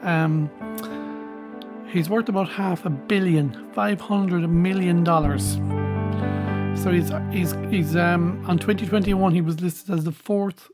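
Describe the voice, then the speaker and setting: A woman's voice: lowish voice, fairly even intonation, slow pace. A woman hosting a music podcast, chatting casually between songs with frequent ums and restarts.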